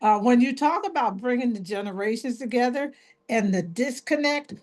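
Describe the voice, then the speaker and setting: A woman's voice: fairly high pitch, animated, moderate pace. A middle-aged woman mentor giving chatty, self-deprecating closing remarks on a video call, often restarting her phrases. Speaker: youth mentor and coach.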